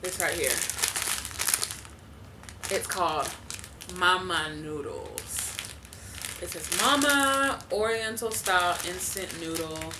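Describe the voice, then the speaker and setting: A woman's voice: on the low side, expressive, slow, pauses often, noisy background. A woman in her twenties chatting casually to camera from her living room, talking loosely with lots of fillers and laughs. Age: 20s. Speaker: vlogger.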